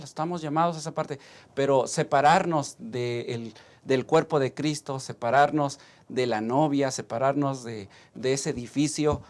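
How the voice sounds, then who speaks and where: A pastor with a Mexican Spanish accent, discussing a church lesson, hesitating and restarting as he thinks aloud. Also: medium pitch.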